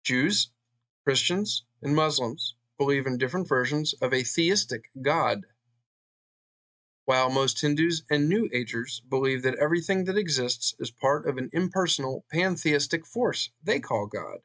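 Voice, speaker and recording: A man reading a book chapter aloud and adding his own commentary, earnest, with fillers and pauses between passages. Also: fairly high pitch, lively intonation, fairly bright tone. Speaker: channel host reading a book.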